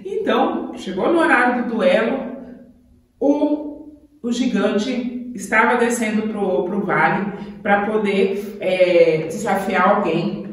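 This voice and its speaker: A woman teaching children at church, telling a Bible story in an animated, chatty way with many fillers. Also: mid-range voice, takes it slowly. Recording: echoey room, voice far from the mic.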